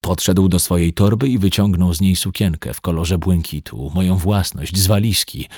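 A man reading an audiobook story aloud in an expressive, dramatic way. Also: deep voice, normal speed, slightly rough, dry recording, studio quality. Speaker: narrator.

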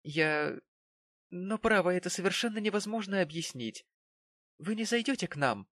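A man voicing an affected, indignant young woman with a shrill, fussy manner. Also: lively intonation, normal speed, fairly bright tone, dry recording.

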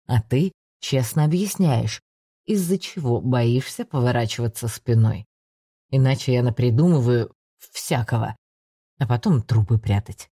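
A woman voicing a male necromancer professor, speaking in a soft, slow, coaxing way. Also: very deep voice, breathy edge, no echo, clean studio sound, voice pushed down, full character voice.

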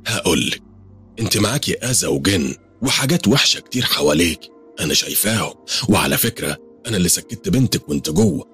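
A man's voice: low-pitched, big pitch swings, quick pace, a bit bright, slightly rough, faint music behind, heavily acted. A man with an Egyptian accent voicing a strange veiled woman who insists she sees spirits around people, speaking in an ominous, matter-of-fact way. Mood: ominous insistent.

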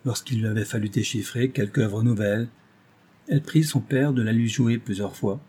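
Guy reading a story out loud, calm and measured, warm low tone, kinda raspy. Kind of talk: scripted narration.

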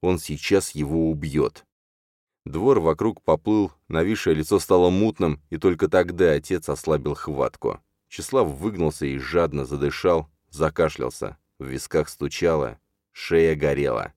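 A man narrating a dark fantasy audiobook in a measured, hushed storytelling manner. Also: very deep voice, dry recording, studio quality.

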